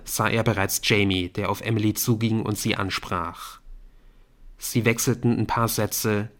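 A man reads an audiobook aloud with a fairly low voice. His narration is steady and even.

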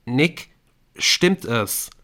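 A man reading an audiobook, voicing an anxious schoolboy who pleads in a hushed, timid voice. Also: medium pitch, animated, very slow, voice pushed up, exaggerated voice.

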